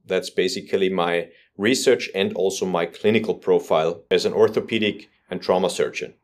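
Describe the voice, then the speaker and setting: A middle-aged man from Austria, a surgeon, talks as a guest on an interview podcast. His voice sits fairly low, and his manner is friendly and chatty, with frequent fillers.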